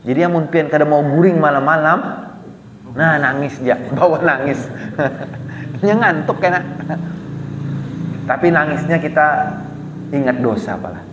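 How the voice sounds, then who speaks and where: A man's voice: on the high side, a little slow, pauses often, background noise. A man with a Banjar Malay accent preaching a casual, storytelling sermon, acting out quotes and asking the listeners questions. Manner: lively, acts out quotes, asks listeners questions. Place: small prayer hall. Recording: echoey prayer hall with long reverb.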